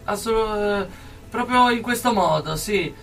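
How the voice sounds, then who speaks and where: A young adult man giving earnest, halting interview answers as a guest in a radio studio. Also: high-pitched, creaky, a bit bright, recorded from a distance, soft background music. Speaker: interview guest, aspiring musician.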